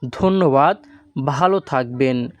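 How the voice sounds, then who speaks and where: A man teaching a language lesson from a script, slowly and deliberately, drawing out each foreign word. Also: medium pitch, no echo, dull audio. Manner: slow and deliberate, stretches out foreign words.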